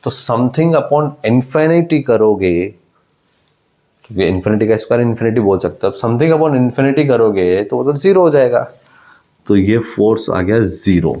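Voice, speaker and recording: A man's voice: medium pitch, animated, measured pace, dark tone. A man teaching a physics lecture, working through a problem step by step and calling his students "child" as he goes, with English math terms mixed into his speech. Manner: repeats key phrases for emphasis. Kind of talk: exam-prep blackboard lecture.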